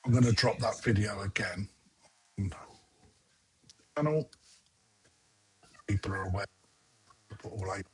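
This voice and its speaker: Husky man hosting an auction. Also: on the low side, unhurried, pauses often. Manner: chatty, distracted, juggling several windows, laughs often. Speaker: online koi auction host. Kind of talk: casual livestream auction chat.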